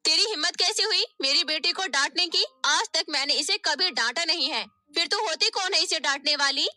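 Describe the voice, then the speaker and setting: A woman's voice: high voice, normal speed, bright, forceful tone, soft background music. A woman voicing a cruel, middle-aged stepmother who scolds and threatens her stepdaughter in a storybook tale. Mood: harsh scolding.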